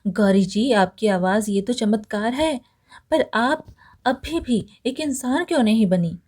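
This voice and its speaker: Determined young woodcutter, urgent and loyal, voiced by a woman storyteller, warm tone. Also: fairly high pitch, measured pace. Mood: hopeful. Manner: urgent, pleading.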